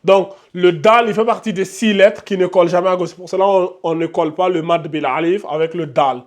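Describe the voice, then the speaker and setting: A man gives an Arabic reading lesson, his voice sitting a touch high. He drills each letter's sound aloud and keeps checking in with his viewers. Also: steady tone, brisk. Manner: addresses viewers directly, frequent checks. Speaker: Arabic teacher. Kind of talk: whiteboard lesson.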